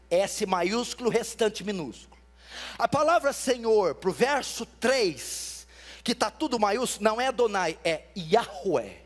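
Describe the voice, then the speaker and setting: High-voiced pastor preaching slowly. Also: male voice. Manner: emphatic teaching, rises to shouts, repeats for stress. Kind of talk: sermon.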